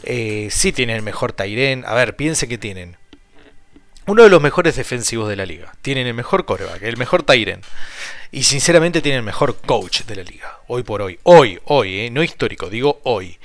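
A man's voice: mid-range voice, expressive, normal speed, no room sound. A man with an Argentine Spanish accent casually hosts a solo sports podcast, rambling and repeating himself, his mouth sore from a split lip and cut tongue. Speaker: podcast host.

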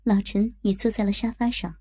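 A woman's voice: medium pitch, fairly even intonation, fairly quick, a little mellow. A woman narrating a first-person adult story in a coy, teasing manner.

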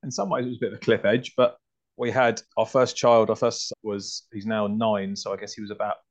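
A man's voice: lowish voice, little pitch movement, a little fast. A man in his forties with an English home counties accent, answering interview questions conversationally and often rephrasing as he goes. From southern England (north London and Hertfordshire). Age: 40s. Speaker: podcast guest, butcher and farm shop founder.

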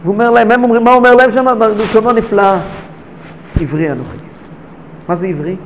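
Very high-voiced man teaching Torah. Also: lo-fi sound, a little hiss or hum. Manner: rhetorical questions, swings between hushed and emphatic.

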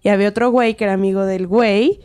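A woman's voice: medium pitch, fairly even intonation, very fast, a little mellow, smooth. A young woman with a Mexican accent, telling a story in casual podcast chat, acting out quotes and laughing often.

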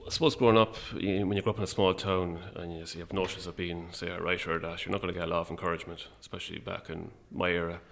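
A man with an Irish midlands accent talking casually and a little hesitantly as an interview guest, in a low-key, wry way. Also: flat delivery, racing, creaky, few pauses, a bit bright. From Longford, Irish midlands.

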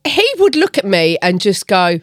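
A woman co-hosting a podcast in casual chat, giggly and animated as she tells stories, on a studio mic. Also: fairly low pitch, moderate pace, no echo. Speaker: podcast co-host. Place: studio with cameras.

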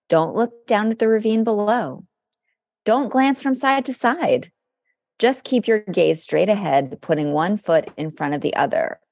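With a low, darkish voice and noticeable vocal fry, a woman co-hosting a podcast reads horoscopes in an easy, chatty way, adding some drama. The studio-quality audio has no room sound.

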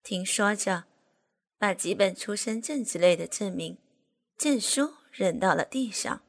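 A woman reads a serialized novel aloud at a slow, deliberate pace. Her voice sits at a middle pitch, steady and measured. The storytelling stays even and calm. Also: creaky. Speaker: narrator. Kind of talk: scripted audiobook narration.

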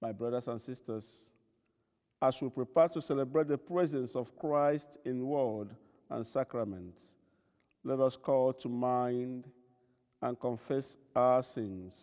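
A man leading a church service as priest, speaking formal liturgy and prayers in a measured, solemn way with a cathedral-like echo. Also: mid-range voice, darkish tone. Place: large reverberant church.

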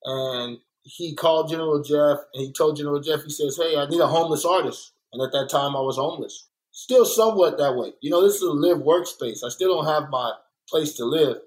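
Man, artist guest from LA; candid storyteller in a casual interview, fairly high voice. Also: brisk, poor audio. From Los Angeles. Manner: candid, storytelling, animated when quoting others. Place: art workspace.

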